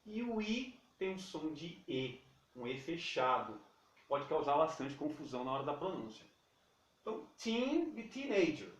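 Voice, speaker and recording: A Brazilian man teaching English pronunciation in Portuguese. He repeats each word slowly and keeps checking in with his students. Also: fairly high pitch, big pitch swings, echoey room, far from the mic. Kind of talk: pronunciation lesson.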